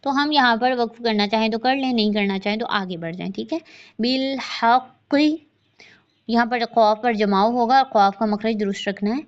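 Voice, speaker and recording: Woman teaching Quran recitation, slightly high voice. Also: muffled recording. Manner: slow drawn-out recitation between brisk explanations. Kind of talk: tajweed lesson with slow chanted recitation.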